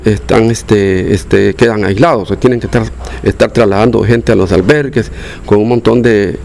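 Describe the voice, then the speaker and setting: Recorded out on a neighborhood street, this older Costa Rican resident answers a casual interview in his native accent, stumbling through fillers and restarts. His voice sits fairly low, gravelly yet a little mellow, over a slight hiss or hum.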